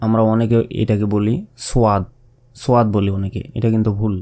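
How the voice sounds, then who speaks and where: A man with a fairly low, dark voice delivers flatly and talks fast, yet the lesson itself is a slow, step-by-step guide to pronouncing Arabic letters. He draws each sound out and repeats it with patient explanations.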